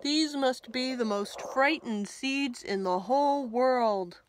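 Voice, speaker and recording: A woman voicing an earnest, anxious male toad from a children's story, in a loud, emphatic manner. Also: high-pitched, slow, a little hiss or hum.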